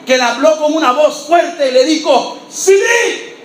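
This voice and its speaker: Pastor de voz muy aguda predicando. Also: male voice, very high-pitched, normal speed, a little hiss or hum. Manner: lively storyteller, acting out voices, often shouting. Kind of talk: sermon storytelling. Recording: echoey church hall with faint ambience.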